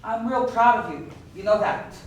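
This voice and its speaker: A young man playing a steady man who soothes and coaxes a distraught woman in a live stage play. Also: extremely high pitch, moderate pace. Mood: soothing. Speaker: stage actor. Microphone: distant room mic. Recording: echoey theater from far off, faint hiss.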